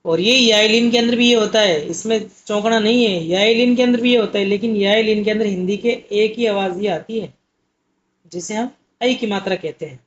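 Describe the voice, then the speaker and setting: A man's voice: sits high, normal speed, a bit bright. A man teaching an Urdu exam-prep lesson, explaining patiently and asking questions that he answers himself. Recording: muffled lo-fi audio.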